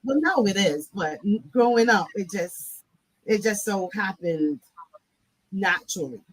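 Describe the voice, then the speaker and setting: A woman's voice: medium pitch, animated, measured pace, no echo, rough recording. A woman from Barbados, a guest speaking reflectively in an interview and often asking "right?". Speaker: guest, nonprofit CEO. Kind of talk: conversational interview.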